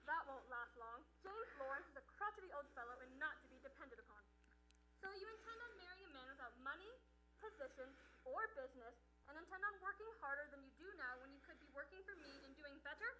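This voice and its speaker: A woman's voice: sits high, animated, fast talker, pushed and bright, rough recording. A woman playing a haughty, scolding, rich old aunt in an amateur period drama, bossy and imperious. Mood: scornful. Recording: clear background noise with hum.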